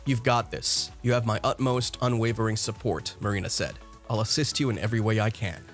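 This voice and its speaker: Man narrating celebrity gossip over music. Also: medium pitch. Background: faint background music.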